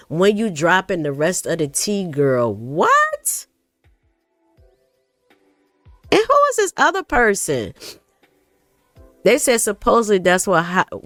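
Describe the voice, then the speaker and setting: A woman's voice: deep voice, dry recording. A young adult woman hosting a casual gossip commentary, reading group chat messages aloud and reacting with surprised exclamations. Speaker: channel host.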